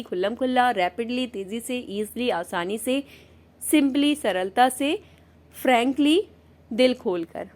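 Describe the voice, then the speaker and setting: A woman teaching English vocabulary in Hindi with an Indian accent, patiently repeating each word and its meaning. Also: a little high. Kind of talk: slow vocabulary lesson with repetition.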